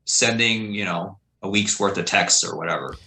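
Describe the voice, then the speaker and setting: A man's voice: deep voice, normal speed, bright, forceful tone, poor audio. A middle-aged man chatting as a podcast guest, a teacher talking in a rambling, reflective way full of fillers. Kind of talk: casual conversation.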